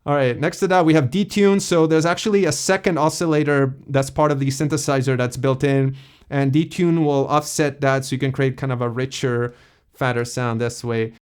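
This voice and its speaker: A man hosting a casual software tutorial, explaining a plugin in a relaxed way with loose fillers. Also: mid-range voice, normal speed, clear, resonant tone. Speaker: tutorial host.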